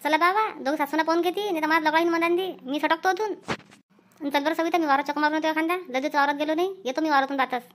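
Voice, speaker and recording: A woman's voice: high voice, very fast, close to an everyday voice. A woman voicing a meek young husband who pleads and tries to placate his wife in a cartoon comedy. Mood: placating.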